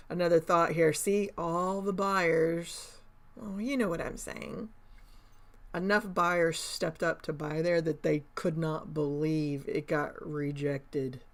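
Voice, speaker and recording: A middle-aged woman, commenting casually on her live trades, chatty and excitable, swearing and laughing at her own moves. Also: on the low side. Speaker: day trader livestreaming.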